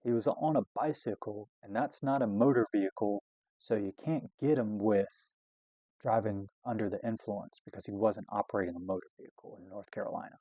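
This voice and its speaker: A man voicing a calm, deadpan male magistrate giving a ruling in a retold story. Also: on the low side, fairly quick, no room sound, lightly acted, low-quality recording. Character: dry older male magistrate ruling calmly.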